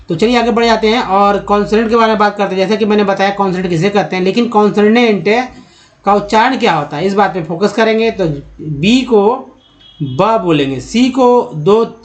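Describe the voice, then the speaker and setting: A man teaching how English letters are pronounced, explaining step by step with many pauses and fillers. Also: sits high. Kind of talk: spoken lesson to camera.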